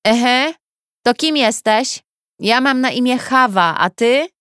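Cheeky female inmate, slangy and teasing, voice pitched up and louder, done by a woman narrator. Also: animated, slow pace, smooth, no echo, studio quality. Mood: brash teasing. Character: brash mocking woman prisoner behind a wall.

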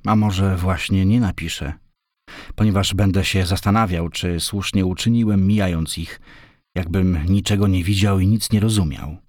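A cautious man with a cane and glasses, musing hesitantly in a storybook, read by the male narrator. His voice is low and deep, and the sound is dry and close. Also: steady tone, moderate pace, darkish tone, no echo.

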